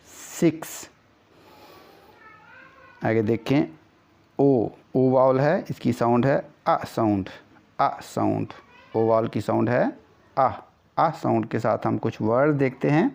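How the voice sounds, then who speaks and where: A man teaching English phonics in a slow lesson, repeating each vowel sound several times. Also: mid-range voice, creaky, a little mellow. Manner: drills sounds by repeating them. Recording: dull lo-fi recording.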